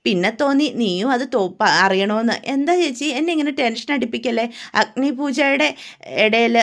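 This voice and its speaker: A woman's voice: on the high side, moderate pace, creaky. A woman voicing a caring older sister who patiently advises and warns her younger sister. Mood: advising. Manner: patient, advising, repeated questions.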